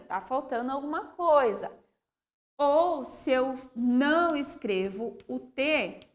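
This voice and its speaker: A female primary school teacher with a Brazilian accent, explaining a lesson clearly and sounding out words slowly, often checking in with "ok?" and "né?". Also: high voice. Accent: Brazilian Portuguese. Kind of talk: slow, clear classroom explanation.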